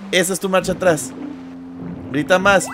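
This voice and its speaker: A young man with a Mexican Spanish accent streaming a game, loud and excitable as he jokes with his chat. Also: high voice, moderate pace, slight background noise. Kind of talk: casual gaming stream chat. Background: game music.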